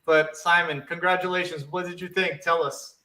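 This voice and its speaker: Excitable high-voiced male host. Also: normal speed, roomy sound, low-quality recording. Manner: excitable, checks answers aloud. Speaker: competition host. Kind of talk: live online competition hosting.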